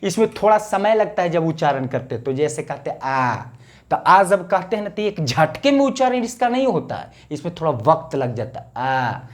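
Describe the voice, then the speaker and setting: A man's voice: high-pitched, big pitch swings. Man teaching, repeating each definition. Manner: repeats each definition, drawing out vowel sounds slowly. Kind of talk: grammar lesson for students.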